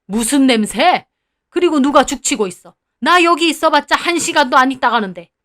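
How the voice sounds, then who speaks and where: A stern old grandfather, as a woman narrator puts him on, scolding in slow, firm words. The voice stays fairly high, with a raised pitch. It is a storybook reading. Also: pushed and bright. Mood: indignant. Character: proud, angry old grandfather who owns the building.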